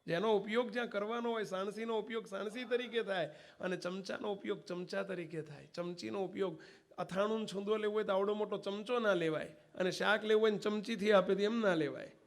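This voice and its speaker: A monk preacher telling a devotional story in a homely way, calling listeners brother and quizzing them. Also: male voice, high voice, a little fast.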